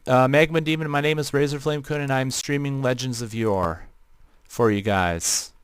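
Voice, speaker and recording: With a fairly low, clear and resonant voice and no echo, a young man with a Midwestern American accent chats casually with viewers during a game stream, rambling as he goes.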